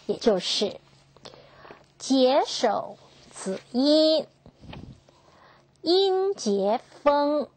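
A woman teaching English phonetics in a classroom lecture, asking her students questions and slowly repeating each key term. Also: high-pitched, no echo. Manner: slow, drawn-out, repeats key terms, asks students questions.

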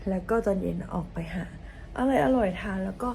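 A woman's voice: mid-range voice, a little fast, creaky, warm tone. A young woman chatting casually to her viewers while she films her travels, talking straight to camera with chirpy asides. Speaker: travel vlogger. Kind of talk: casual travel vlog chat. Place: hotel room and city streets and stations. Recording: noisy handheld travel recording.

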